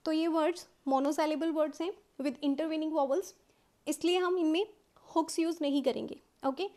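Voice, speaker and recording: A woman with an Indian accent teaching a shorthand lesson step by step. She explains patiently, checks in with "okay" often, and slows down to dictate rules. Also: high-pitched, steady tone, darkish tone. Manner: patient explaining, frequent "okay" checks, mixes English terms into Hindi; slows right down to dictate English rule lines.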